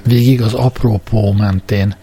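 A man's voice: lowish voice, faint music behind, lightly acted. A man voicing a silly, jolly storybook man who giggles and agrees with his friends. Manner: giggling, flattering.

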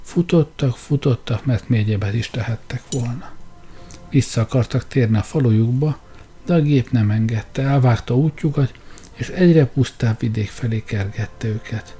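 A male storyteller reads an audiobook with dramatic delivery. His voice is gravelly with a dark, mellow tone. Faint music runs beneath the reading. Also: mid-range voice. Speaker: narrator.

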